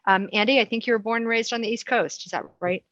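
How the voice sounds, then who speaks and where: A woman's voice: fairly high pitch, fast talker, fairly bright tone, no room sound. A woman moderating a panel, asking questions with hesitant restarts. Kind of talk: interview questions. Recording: dull dry lo-fi audio.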